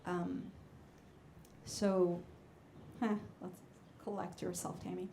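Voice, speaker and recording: A woman from Israel, a native Hebrew speaker, introduces a song from a club stage as a guest jazz vocalist, hesitant and chatty with many fillers. Her fairly low voice is slow, creaky, and mellow, with little pitch movement and a slight hiss or hum. Band instruments can be faintly heard behind her.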